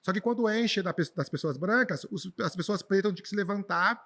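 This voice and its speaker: A Brazilian traveler and speaker, appearing as a podcast guest, tells personal stories conversationally in an informal, emphatic way, often repeating words for stress. His voice sits high, a bit bright, and runs a little fast.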